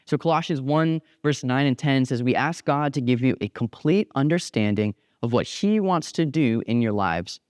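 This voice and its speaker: A young man giving a casual youth sermon, animated, acting out little quotes as he goes. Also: medium pitch, normal speed, few pauses, smooth, no room sound, clean studio sound. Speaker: youth pastor.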